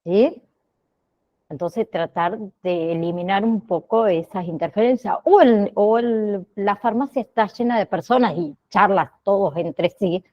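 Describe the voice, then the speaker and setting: Woman teacher, slow and steady, keeps asking "¿sí?", bit muffled sound. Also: medium pitch. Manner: slow, checks in with frequent "¿sí?" and "¿bien?". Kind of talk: online class lecture.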